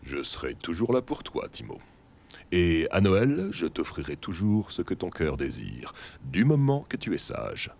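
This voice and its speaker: A man's voice: low-pitched, big pitch swings, unhurried, gravelly, a little mellow, exaggerated voice. A man playing a jolly old bearded Santa Claus with a sinister streak, theatrical and grandly reassuring, in a French audio drama. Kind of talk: scripted French audio fiction acting.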